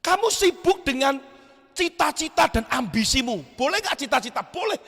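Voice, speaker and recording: A male pastor gives a lively youth sermon, swinging from shouts to quiet asides. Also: very high-pitched, normal speed, creaky, faint music behind. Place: church hall. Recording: echoey church hall.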